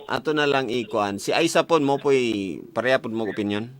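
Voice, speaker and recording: A young Filipino man with a Cebuano-speaking accent hosts a casual call-in advice show from a radio studio, bantering, teasing and joking. His mid-range voice is fairly quick, with a music bed behind his studio voice.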